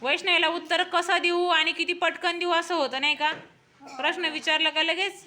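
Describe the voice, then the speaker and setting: A woman's voice: extremely high pitch, level tone, normal speed, pushed and bright. A woman teaching young children in a classroom, coaxing answers with repeated short questions. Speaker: primary school teacher.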